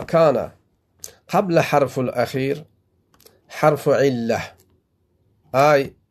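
A man's voice: medium pitch, a little mellow. A man, a sheikh from Afghanistan, teaching an Arabic grammar lesson, explaining step by step and repeating his examples.

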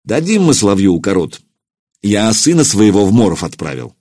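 A man voicing a shrewd older boyar counselor who speaks in a measured, reasoning way. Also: fairly low pitch, big pitch swings, dark tone, no room sound, studio quality.

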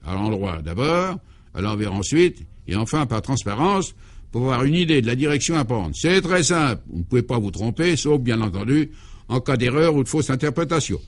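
At a moderate pace and in a sing-song voice, the actor brings Clovis du Tilleul to life: a 64-year-old former priest, eccentric and jovial, in a vintage French radio comedy. His delivery is high-pitched, exuberant and fatherly.

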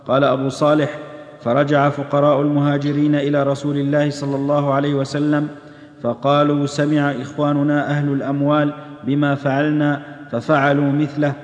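A man reading religious texts aloud in a steady recitation. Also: on the high side, a little fast. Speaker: reader of hadith text. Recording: echoey hall, dull old tape.

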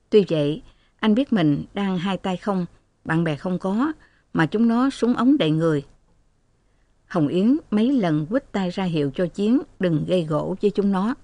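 A woman narrating a novel as an audiobook in a steady, even storytelling manner. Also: on the low side, no echo.

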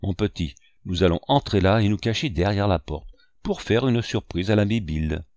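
Audiobook: sugary, mocking old pirate read by a man, sly and lively, dry close sound. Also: lowish voice, normal speed, no echo, lightly acted. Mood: wheedling. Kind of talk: audiobook character voice.

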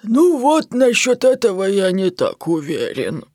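A woman voicing an old male basset hound in a storybook, grumbling and gruff but kindly underneath. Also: very animated, dark tone, no echo, clean studio sound. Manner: grumbling, drawn-out. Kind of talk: storybook reading.

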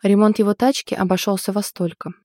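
A woman voicing a weary, glum young woman in an audiobook, with a flat, sighing delivery. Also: medium pitch, a little fast, no echo, clean studio sound, close to an everyday voice.

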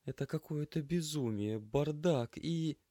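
A man's voice: fairly high pitch, a little slow, dark tone, dry recording, clean studio sound, pitched above the performer's own voice, natural voice. A man voicing a flustered young woman who mutters in disbelief in an audiobook. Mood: bewildered muttering. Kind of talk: audiobook character voice.

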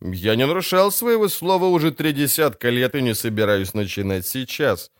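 Picture a sly, self-satisfied crime boss, smooth and expansive as he talks his way out of trouble, his pitch rising and falling freely. A man reads him in an audiobook, recorded dry and close. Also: lively intonation, normal speed, dry recording, natural voice. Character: vain sly older male crime boss. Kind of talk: audiobook character voice.

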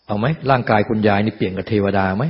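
Husky-voiced man giving a reverberant dharma talk. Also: lowish voice, steady tone, racing. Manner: conversational, fires rhetorical questions at listeners. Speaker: Buddhist meditation teacher. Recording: dull lo-fi sound with long hall reverb.

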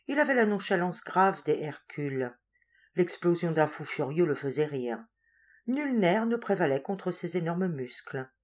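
A woman narrating a literary story in a measured, expressive reading voice. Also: fairly low pitch. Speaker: audiobook reader. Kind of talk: scripted narration.

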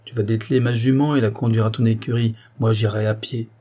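A man reading an older, lively country doctor in an audiobook, speaking briskly and emphatically. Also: on the low side, natural voice.

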